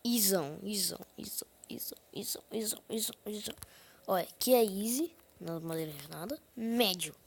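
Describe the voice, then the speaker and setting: A woman's voice: mid-range voice, a little fast, vocal fry, a little hiss or hum. A woman casually commenting on her own gameplay, counting under her breath, whispering asides and breaking into sudden frustrated outbursts. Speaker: gaming channel host.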